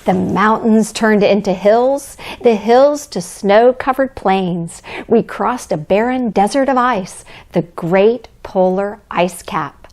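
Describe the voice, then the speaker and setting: A woman playing a kindly Mrs. Claus, reading a children's storybook aloud in a gentle, deliberate, expressive way. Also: medium pitch. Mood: gentle, wondering.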